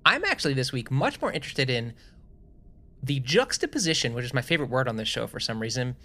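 Co-hosting a casual podcast, a young adult man speaks very animatedly and fast, with a bright, forceful medium-pitched voice. He rambles enthusiastically and often restarts his sentences.

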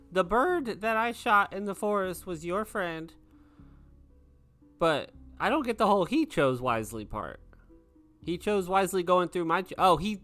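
A woman playing a tabletop game, speaking in a lively, questioning way. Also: on the low side. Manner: lively, questioning, laughs often. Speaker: player.

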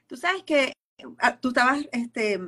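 A woman's voice: high voice, animated, unhurried, bright, forceful tone. A woman hosting a live interview, chatting casually with her guest. She talks in a loose, conversational way with fillers and ties the topic to examples. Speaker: host. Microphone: live video stream.

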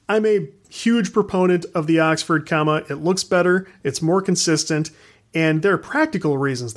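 A fairly high-voiced man rants through a casual podcast monologue. He is frank and animated, laughs as he goes, and swears without a second thought. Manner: ranting, frank, swears freely; animated, laughs while talking. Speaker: podcast host.

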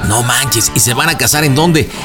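A man's voice: mid-range voice, moderate pace. A man with a Mexican accent hosting a radio show in playful, slangy, casual banter. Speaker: host of a prank-call radio show. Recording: music bed behind voice. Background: music.

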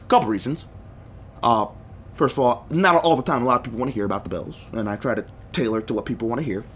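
A man's voice: mid-range voice, fast talker, fairly bright tone, a little hiss or hum. A young man hosting a solo sports podcast, talking emphatically and getting heated, repeating phrases for punch. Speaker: podcast host.

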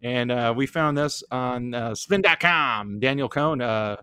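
A man's voice: mid-range voice, unhurried, sharp tone, a little hiss or hum. A man hosting a casual comedy chat show, rambling and joking as he introduces news items. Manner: rambling, joking, frequent fillers. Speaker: show host.

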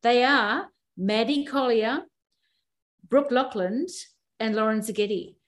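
Australian woman, podcast host, brisk, moves the panel along. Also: on the high side. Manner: brisk, steering the talk with questions. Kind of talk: hosting a sports podcast.

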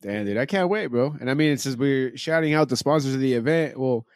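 A man's voice: medium pitch, expressive, brisk, clear, resonant tone, dry recording, studio quality. A man chatting casually like a frat bro, with slang, swearing and plenty of "bro" and "dude". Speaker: show host. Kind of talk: casual group chat.

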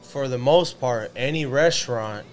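A man with a mid-pitched voice in a casual interview. He is a business owner who talks in an easygoing, bro-heavy way. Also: unhurried, soft background music. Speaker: restaurant owner being interviewed. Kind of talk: casual chat.

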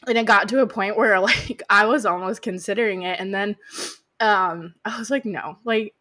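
A woman co-hosting a podcast, speaking candidly and reflectively with many pauses. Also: mid-range voice, sharp tone. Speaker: podcast co-host. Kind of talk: casual podcast chat.

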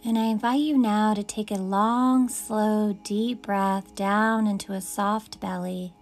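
A woman leading a guided meditation, speaking in soft, soothing invitations. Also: mid-range voice, steady tone, takes it slowly, faint music behind.

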